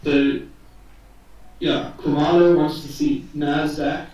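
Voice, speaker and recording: A man's voice: on the high side, level tone, slow pace, darkish tone. Upbeat man reading chat, very echoey. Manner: upbeat, reads viewer comments. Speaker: trading co-host. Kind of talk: live stream chat with viewers. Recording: very echoey, far from the mic.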